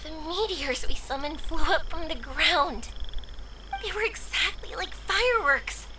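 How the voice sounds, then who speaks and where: A woman voicing a spirited, warm-hearted young woman in an anime fantasy game, expressive and enthusiastic. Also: very high voice, unhurried, exaggerated voice. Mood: awed, delighted. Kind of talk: animated video game voice acting. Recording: noisy game audio from a livestream.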